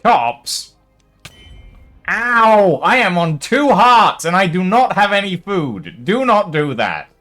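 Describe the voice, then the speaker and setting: A man's voice: high voice, sing-song, unhurried, few pauses, bright, forceful tone, soft background music. A man chatting casually while gaming, complaining in a theatrical, mock-indignant way. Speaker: gamer on a co-op stream. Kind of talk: casual game chat.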